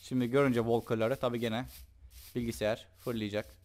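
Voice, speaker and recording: A man's voice: mid-range voice, little pitch movement, moderate pace, a little mellow. Chatty young man narrating his gameplay. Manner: chatty, joking, talks to the game's mobs. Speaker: gaming YouTuber. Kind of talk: casual gameplay commentary.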